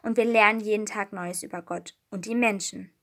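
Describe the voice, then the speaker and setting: A woman's voice: mid-range voice, steady tone, moderate pace, natural voice. A woman voicing a thoughtful male disciple in a storybook reading. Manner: thoughtful, earnest.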